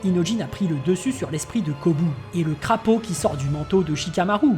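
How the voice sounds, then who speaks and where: A woman narrating a manga chapter recap in a steady storytelling voice. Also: on the low side, a little fast. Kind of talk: scripted narration. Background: faint music.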